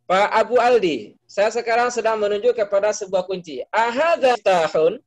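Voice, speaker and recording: A man's voice: high voice, fairly quick. A man teaching an Arabic class, explaining patiently step by step and calling on students by name to answer.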